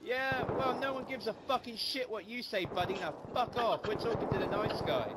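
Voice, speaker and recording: A man's voice: high voice, moderate pace, very noisy. A brash man trading profane, mock-aggressive banter with other players over game voice chat.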